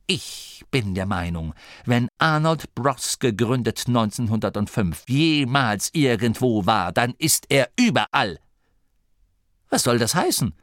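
A man's voice: medium pitch, lively intonation, takes it slowly, a bit bright, no room sound, clean studio sound. A man voicing Gurda, a cautious male nome who speaks hesitantly and thinks aloud. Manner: hesitant, musing.

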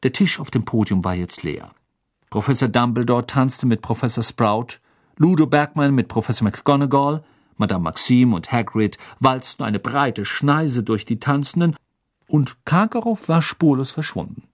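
Lively audiobook narrator. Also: mid-range voice, normal speed. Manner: expressive, lively reading. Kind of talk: scripted narration.

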